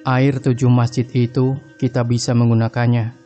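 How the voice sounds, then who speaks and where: A calm religious cleric, read by a man in a spoken horror story. He gives instructions in a level, mellow voice. Soft music sits under the reading. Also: mid-range voice, muffled recording, natural voice. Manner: measured and instructive. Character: calm male Islamic boarding school cleric.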